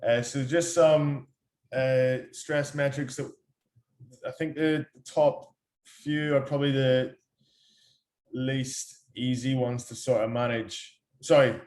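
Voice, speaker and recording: Fast-chatting Irish man in a roomy space. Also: mid-range voice, fairly even intonation, darkish tone. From Ireland. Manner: chatty, quick, with many ums and restarts. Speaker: workshop speaker. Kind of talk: casual presentation on a video call.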